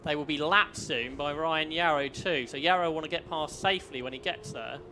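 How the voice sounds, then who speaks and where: Man commentating on motorsport, higher-pitched voice. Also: normal speed, bright, forceful tone, slight background noise. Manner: follows the action play by play, posing questions. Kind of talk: live race commentary.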